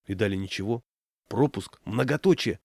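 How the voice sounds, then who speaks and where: Low-voiced man reading an audiobook, ironic, dry close sound. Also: normal speed, a little mellow, no room sound. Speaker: narrator. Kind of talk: audiobook storytelling.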